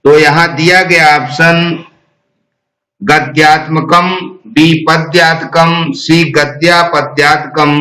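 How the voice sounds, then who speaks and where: Slow bright-voiced man reading quiz answers. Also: a little high, roomy sound, low-quality recording. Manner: slow, deliberate recitation of options. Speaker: exam prep teacher.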